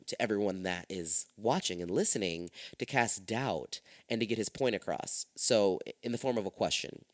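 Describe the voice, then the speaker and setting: A man hosting a podcast, retelling a true-crime case in a casual, profane, animated way on a close mic. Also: lowish voice, no room sound. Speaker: podcast host.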